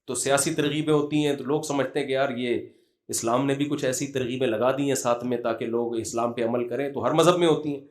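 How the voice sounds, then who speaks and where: A man's voice: mid-range voice, steady tone. A middle-aged man giving a religious talk, telling funny stories in a chatty way. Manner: humorous storytelling, conversational. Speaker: Islamic preacher.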